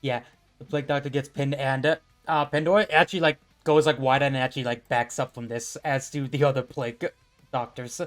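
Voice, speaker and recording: A man runs a tabletop game as game master, narrating in a loose, halting way with plenty of fillers. His voice sits at a middle pitch, and faint music plays behind him. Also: steady tone.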